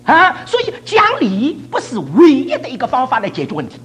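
Animated older preacher man, high lively voice. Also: brisk. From China. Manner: animated, laughs often, mixes in English words. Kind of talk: sermon.

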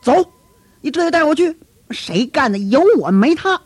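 A man voicing a hot-tempered, brash disciple who blusters loud and fast. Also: big pitch swings, no room sound. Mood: fired up. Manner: loud, high, blustering and rushed.

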